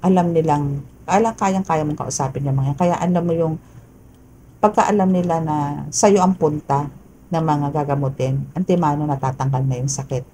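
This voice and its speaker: Lady doing a tarot reading, low voice, keeps saying no? okay?, bit of hiss behind. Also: fairly even intonation, moderate pace, dark tone, rough recording. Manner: chatty, peppers talk with "no?" and "okay?". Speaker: tarot reader. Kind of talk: casual tarot reading monologue.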